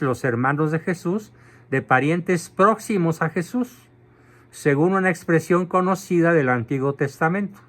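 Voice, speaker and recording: Guy lecturing on church doctrine, slow deliberate delivery, slightly high voice, punchy emphasis. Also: fairly bright tone. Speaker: catechism lecturer.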